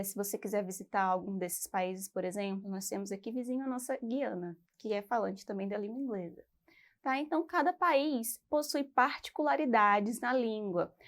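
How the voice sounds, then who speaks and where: Patient Brazilian woman teaching a lesson. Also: fairly high pitch. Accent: Brazilian Portuguese. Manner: patient, explanatory, frequent "tá?" check-ins. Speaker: English teacher. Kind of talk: educational video lesson.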